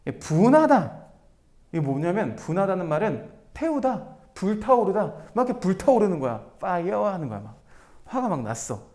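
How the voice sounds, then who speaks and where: A man teaching a Bible passage to viewers, animated and firing rhetorical questions at them. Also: high voice, moderate pace. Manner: addresses listeners directly as everyone. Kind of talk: Bible teaching to a video audience.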